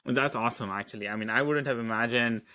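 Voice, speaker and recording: A man's voice: mid-range voice, fast talker, sharp tone, no echo. A man hosting an interview, asking questions hesitantly with many "uh" and "um" fillers and repeated words. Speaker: interview host.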